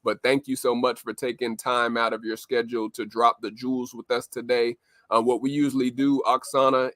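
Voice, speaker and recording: Bright-voiced male podcast host, dry sound. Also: mid-range voice, no echo. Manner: frequent "uh" fillers, upbeat shout-outs.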